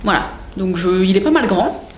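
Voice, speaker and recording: A woman's voice: medium pitch, animated, moderate pace, slight background noise. A young woman chatting casually as she unboxes gifts, gushing and chatty with lots of fillers. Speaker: vlogger. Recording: roomy room echo.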